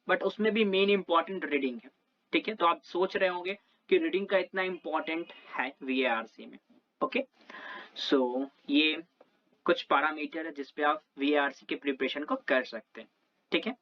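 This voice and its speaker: A woman's voice: on the low side, normal speed. A young Indian woman explaining exam preparation over slides, switching between Hindi and English and often checking in with the listener. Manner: mixes Hindi and English, checks in with "okay" and "theek hai". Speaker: exam prep tutor. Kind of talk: slide-based exam prep lesson. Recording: slightly dull lo-fi audio.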